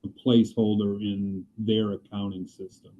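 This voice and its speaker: A man's voice: on the low side, flat delivery, moderate pace. Muffled man on a tinny remote call. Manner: plain, matter-of-fact explaining with hesitations. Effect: muffled, underwater-sounding remote call audio. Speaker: airport staff reporting to a county commission. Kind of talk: meeting business talk. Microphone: computer on a remote call.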